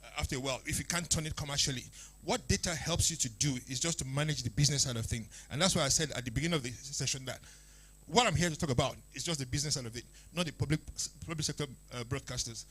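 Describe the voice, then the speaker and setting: A man's voice: mid-range voice, quick pace, a bit bright, husky. A man explaining business points at a talk, stressing phrases by repeating them. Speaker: speaker, media business expert.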